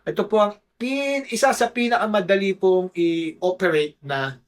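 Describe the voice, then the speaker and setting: This high-pitched male voice moves a little slowly. He's a Filipino motorcycle gear reviewer talking informally to the camera and frequently checking in with quick tag questions.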